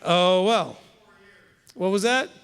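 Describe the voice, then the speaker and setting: Speaking slowly in a large hall, this man in his fifties has a high-pitched, expressive voice that is gravelly yet a bit bright, with a clear, resonant tone. He's a rabbi running a conversational Torah study for his congregation, regularly asking "okay?"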